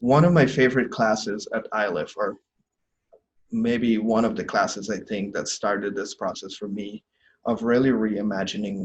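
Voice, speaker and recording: Young man from Guyana, slightly low voice, earnest and reflective, hesitant ums, webcam in a small room. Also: muffled recording. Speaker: seminary student. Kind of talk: testimonial interview.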